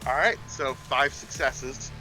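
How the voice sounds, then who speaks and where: A man narrating as game master in a relaxed, filler-filled way. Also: mid-range voice, slow, faint music behind. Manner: relaxed, uses many fillers.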